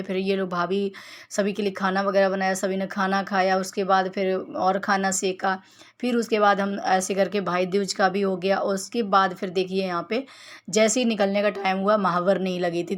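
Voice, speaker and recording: A woman vlogger in her thirties from Uttar Pradesh talks over her home video in a chatty, homely way. Her voice sits at a middling pitch and stays quite level. She walks the listener through each clip. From Uttar Pradesh, India. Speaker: family vlogger. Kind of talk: casual vlog voice-over narration.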